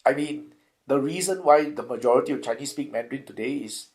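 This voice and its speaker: A man's voice: medium pitch, fast, darkish tone. A middle-aged Singaporean man, a university lecturer, answering interview questions thoughtfully, with frequent restarts and a habit of asking "right?". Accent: Singaporean English.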